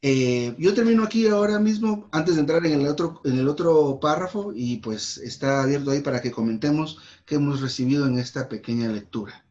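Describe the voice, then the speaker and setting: A man with a Guatemalan accent leading a church Bible study, reading verses and explaining them slowly, repeating key words for emphasis. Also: on the high side, darkish tone. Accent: Guatemalan Spanish. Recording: dull lo-fi recording.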